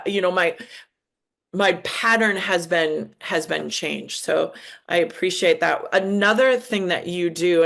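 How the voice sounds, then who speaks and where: Older lady podcast host, lowish voice, stops and restarts a lot. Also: gravelly. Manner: halting, many restarts and fillers. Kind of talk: podcast conversation.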